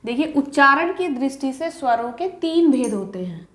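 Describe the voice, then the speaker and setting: Woman teacher with a high voice, quizzes the kids then answers herself, echoey room. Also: expressive. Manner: asks the class questions and answers them herself; drags out example vowel sounds slowly. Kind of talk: Hindi grammar lecture to students. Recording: roomy echo.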